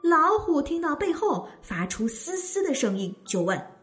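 Slow animated lady telling a bedtime story to kids, highish voice. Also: faint music behind. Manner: expressive, addresses children. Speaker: children's storyteller. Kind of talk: storybook narration.

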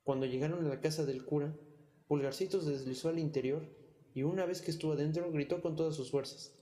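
A man reading a fairy tale aloud in an even, expressive storyteller manner. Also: a little high, quick pace. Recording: long hall reverb.

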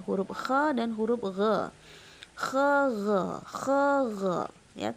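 Woman, recitation teacher, patient demonstrations, gravelly, clear background music. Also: on the high side. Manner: patient, demonstrates sounds by repeating them. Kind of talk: tajwid lesson with spoken demonstrations.

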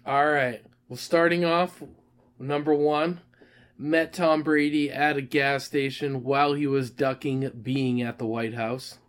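A man's voice: medium pitch, steady tone, measured pace, clean tone. A young man co-hosting a casual podcast, giving dry, wry reactions and listing items. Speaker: podcast co-host. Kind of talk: casual chat.

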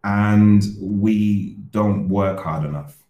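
A man's voice: fairly low pitch, drawn-out words, reverberant, muffled recording. A man from Uganda speaking as a podcast guest, sharing personal experiences in an earnest, reflective way. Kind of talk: casual personal discussion.

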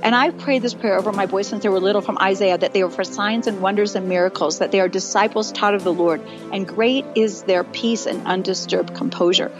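A middle-aged woman author and speaker talking as an interview guest, earnest and animated with some self-deprecating humor. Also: medium pitch, a little fast, hardly any pauses, lo-fi sound, music in the background. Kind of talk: interview conversation.

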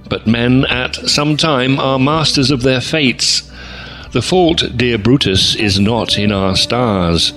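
A man playing a self-absorbed, pompous stand-in radio presenter, earnest and deliberate in a scripted comic monologue. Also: lowish voice, a bit bright.

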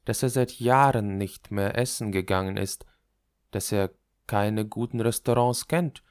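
A man narrating an audiobook in a measured, literary reading. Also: fairly low pitch, clean tone, dry recording, clean studio sound.

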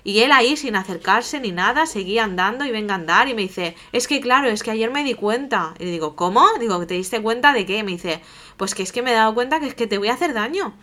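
Bright-voiced woman from telling her story. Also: a little high, lively intonation, quick pace. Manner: heated, swearing, reenacting dialogue. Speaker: podcast host. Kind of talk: personal storytelling monologue.

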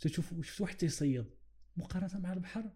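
A man's voice: high voice, fast, dark tone, slightly rough. A man with a Moroccan Arabic accent reflecting on religion in conversation, illustrating with examples and mixing in English phrases. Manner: mixes English phrases into his speech.

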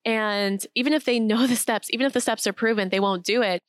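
A woman's voice: on the high side, smooth, no room sound. A woman spiritual coach talking casually as a podcast guest, explaining ideas with lists and everyday examples. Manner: warm-paced teaching, lists and examples, quick asides.

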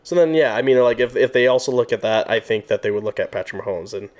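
A man's voice: mid-range voice, expressive, fast. A young man from the Denver area co-hosting a casual sports podcast, swearing freely and getting worked up. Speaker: podcast co-host.

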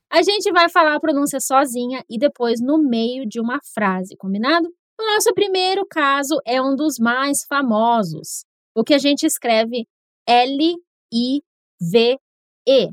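Brazilian woman, high voice, dry close mic, podcast pronunciation lesson, upbeat and encouraging, slows down for English examples. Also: dry recording. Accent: Brazilian Portuguese.

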